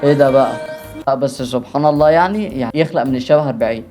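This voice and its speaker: A man's voice: medium pitch, racing, mellow, faint music behind. A man with an Egyptian accent hosting a reaction video, teasing and joking in casual commentary. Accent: Egyptian Arabic.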